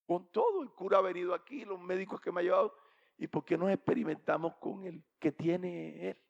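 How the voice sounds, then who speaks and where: A man's voice: high-pitched, fairly quick, gravelly, highs cut off. A man putting on a sick old husband pleading. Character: sick bedridden old husband, weary and hopeful.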